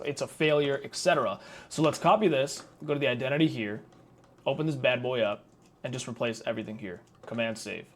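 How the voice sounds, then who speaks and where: Chatty young man walking through a tech setup. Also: mid-range voice. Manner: chatty, slangy, self-mocking asides. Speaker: tech tutorial host. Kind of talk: casual screen-recorded tutorial.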